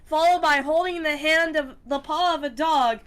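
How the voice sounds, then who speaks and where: A woman's voice: sits high, moderate pace, a bit bright, poor audio. A woman narrating a tabletop game as dungeon master, often breaking into laughter.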